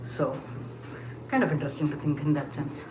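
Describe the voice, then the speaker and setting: Speaking a bit fast in a mid-range voice, a livestreamer walks and chats casually with viewers. They think aloud, dropping many fillers and small laughs, with the sound echoing and ambient noise clearly audible.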